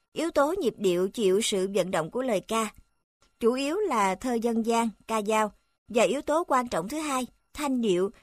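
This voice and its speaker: A woman reading a textbook aloud in an even, formal manner, speaking the section headings too. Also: a little high, dry recording, studio quality.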